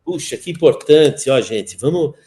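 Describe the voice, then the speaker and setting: A man's voice: a little high, animated, measured pace, warm tone. A man hosting a talk, eagerly agreeing and speaking to the audience. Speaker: host. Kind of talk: interview talk show.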